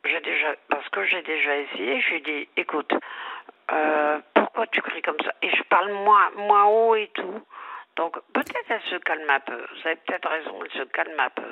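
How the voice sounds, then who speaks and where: A woman's voice: fairly low pitch, fairly quick, gravelly. An older woman calling into a radio show over the phone, rambling and repeating herself as she chats. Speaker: radio caller. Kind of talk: phone-in chat. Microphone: telephone. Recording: lo-fi phone line.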